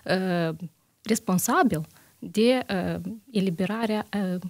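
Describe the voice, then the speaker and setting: Woman doc on a health show, bit of vocal fry, lists stuff, lots of uh's. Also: mid-range voice, no echo. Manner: methodical, lists examples, frequent hesitations. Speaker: internist guest on a health show. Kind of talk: explanatory interview answers.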